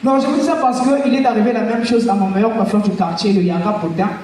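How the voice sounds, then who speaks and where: Male stand-up, high voice, animated storyteller who shouts his punchlines; the stage mic is picked up from a distance. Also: fast, a faint crowd. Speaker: stand-up comedian. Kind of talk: stand-up comedy routine. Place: festival stage before a live audience. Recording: echoey hall recording from far off.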